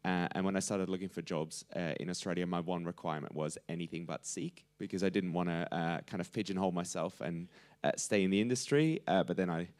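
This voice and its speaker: A man from the Netherlands speaks on a conference stage panel. His voice sits very low. He talks in a relaxed, wry way with plenty of ums and uhs. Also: a little fast. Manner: relaxed, wry, many fillers.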